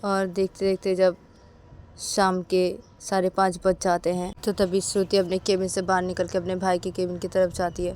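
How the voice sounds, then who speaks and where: A woman's voice: on the low side, monotone, moderate pace, a little mellow, a little hiss or hum. A woman narrating a home-made romance story in a plain, repetitive, casual way.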